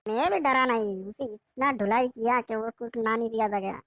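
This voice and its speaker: A woman's voice: fairly high pitch, normal speed, a bit bright, no echo. A woman voicing a boastful young schoolboy in a cartoon who brags about fighting lions. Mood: bragging. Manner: bragging, swaggering. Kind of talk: cartoon voice acting.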